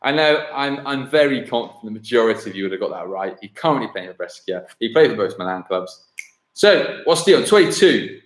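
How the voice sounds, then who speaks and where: A man's voice: mid-range voice, animated, fairly quick. A man hosting a live online quiz, chatty and given to thinking aloud and correcting himself. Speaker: quiz host. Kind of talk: live-streamed pub-style quiz hosting. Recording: echoey room.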